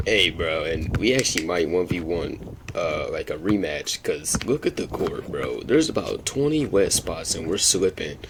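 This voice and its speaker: Low-voiced slangy man on a noisy court. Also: expressive, normal speed. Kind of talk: casual chat to camera. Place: outdoor basketball court. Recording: noisy outdoor camera audio.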